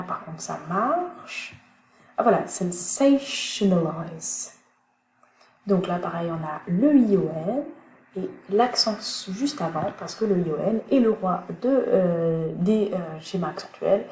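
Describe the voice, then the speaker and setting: A woman teacher explains English word stress slowly, in a voice pitched a bit low. She thinks aloud, pausing often with hesitant fillers as she hunts for examples. The recording is echoey, with a faint hiss behind her. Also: expressive, darkish tone. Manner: thinks aloud while searching words, many "euh" pauses. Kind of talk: recorded online lesson. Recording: echoey room, faint background noise.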